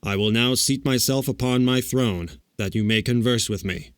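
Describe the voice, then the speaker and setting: Guy doing a big scary invisible wizard, super slow n solemn, pompous storybook voice, no echo. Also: medium pitch, clean tone, studio quality, close to an everyday voice. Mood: solemn, imposing. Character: solemn, commanding, unseen great and terrible wizard.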